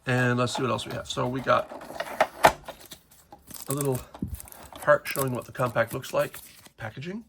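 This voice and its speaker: A man's voice: mid-range voice, little pitch movement, normal speed, creaky, pauses often, very noisy. A man casually talking through a toy unboxing in his home workshop, rambling with fillers. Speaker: toy collector vlogger.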